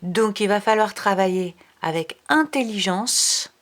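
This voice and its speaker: A woman teaching young children from home, in a slow, unhurried delivery. She is patient and careful, spelling words letter by letter and sometimes murmuring quiet asides. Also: medium pitch, lively intonation. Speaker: primary school teacher.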